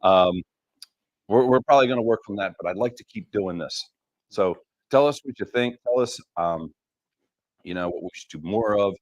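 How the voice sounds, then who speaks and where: A man's voice: on the low side, moderate pace, dry recording, lo-fi sound. A man hosting a live stream for his gear company, casually explaining how a hammock works, with many ums along the way.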